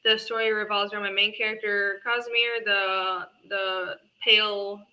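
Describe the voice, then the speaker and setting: A woman's voice: medium pitch, flat delivery, moderate pace, sharp tone. Woman with a tinny, metallic mic. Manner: giggly, chatty, trails off into laughs. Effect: tinny, metallic-sounding mic. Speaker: comic creator pitching her comic. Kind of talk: casual livestream chat.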